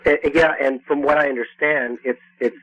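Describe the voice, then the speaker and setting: A man phoning in as a radio show caller, speaking haltingly and repetitively in an earnest, unscripted debate over the phone. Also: medium pitch, steady tone, a bit bright, a little hiss or hum. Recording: phone call on a talk show.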